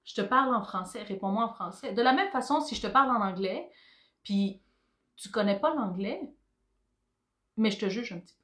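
A woman's voice: mid-range voice, animated, fairly quick, long pauses, fairly bright tone. A woman with a Québécois French accent speaking frankly in casual chat, mixing in English slang. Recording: roomy echo.

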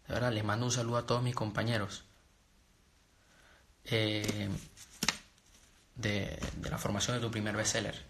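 Speaking in a mid-range voice with slight background noise, a young Venezuelan trading and personal development coach chats casually with live-stream viewers. His motivational talk is earnest yet rambling, with frequent restarts and fillers.

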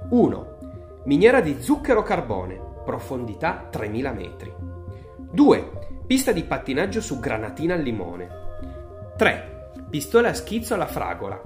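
A narrator reading a children's book aloud in an expressive, lively way. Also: medium pitch, normal speed, faint music behind. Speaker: audiobook narrator. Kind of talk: storybook read-aloud narration.

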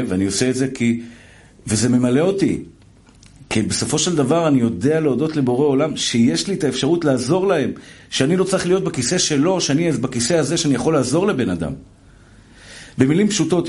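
Animated man preaching a sermon. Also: medium pitch. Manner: animated storytelling with voiced quotes and repetition. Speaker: rabbi.

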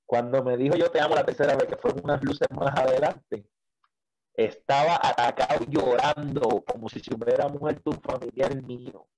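A man telling his faith testimony in an interview, acting out the dialogue with pauses and repeated words. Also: mid-range voice, fairly even intonation, a little mellow, low-quality recording.

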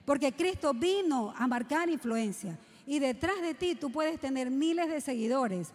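Woman preacher, high voice, rhetorical questions, long hall reverb. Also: lively intonation, measured pace, darkish tone. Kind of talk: sermon to young people.

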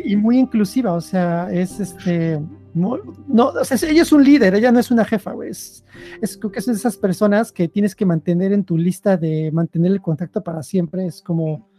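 Mexican-accented man, casual storyteller, mellow voice, lively and full of slang. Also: sits high. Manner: slangy, animated, acts out quotes. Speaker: guest.

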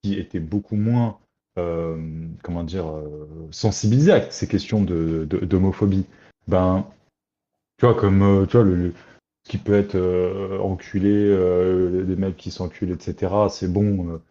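A man with a low, mellow voice talks through his thoughts in a casual discussion. He hesitates, starts over and searches for words. The recording sounds dull and lo-fi. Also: fairly even intonation, unhurried. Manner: hesitant, restarts often, thinks aloud.

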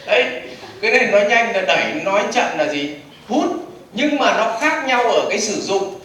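A man gives a lively seminar lecture, putting questions to the audience and answering them himself. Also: sits high, moderate pace, far from the mic, slight background noise. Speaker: business trainer. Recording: echoey hall recorded from afar.

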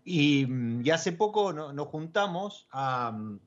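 An expressive wine show host with an Argentine Spanish accent chats casually about wine, speaking slowly in a fairly high voice. His talk is full of fillers and restarts, and the lo-fi audio sounds dull.

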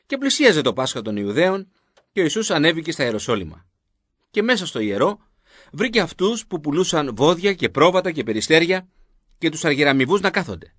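A man narrating a scripted Bible reading in a clear, measured manner. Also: on the high side, sing-song, a bit bright, dry recording, studio quality.

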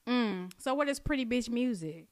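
A woman co-hosts a casual chat podcast, talking bluntly in loose slang and laughing often. Her voice sits a bit high, and the close mic sounds dry. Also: lively intonation, normal speed, no echo. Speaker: podcast co-host.

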